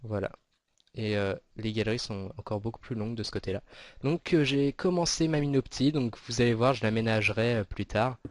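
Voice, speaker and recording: Rambling gameplay commentator. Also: male voice, on the low side, a little fast, dry recording. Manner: rambling, chatty, many fillers and restarts. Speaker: gaming video host.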